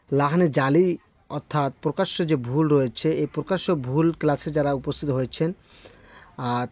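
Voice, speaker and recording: A man teaching a Quran recitation class online. He explains step by step, often checks in with "okay?", and chants verses slowly and drawn out. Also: on the high side, darkish tone, no echo.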